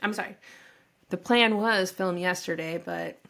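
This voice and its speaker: A shy, nervous middle-aged woman with a head cold rambles through the introduction to her home vlog channel, talking casually to camera with lots of fillers and asides. Her voice is low, a little slow, gravelly yet fairly bright, recorded on her own microphone in her home office.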